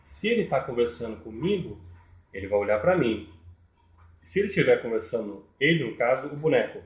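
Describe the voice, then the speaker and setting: Man, puppetry tutorial, lively pitch, echoey room. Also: a little fast. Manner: repetitive, explains step by step. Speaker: puppetry teacher. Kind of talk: tutorial explanation.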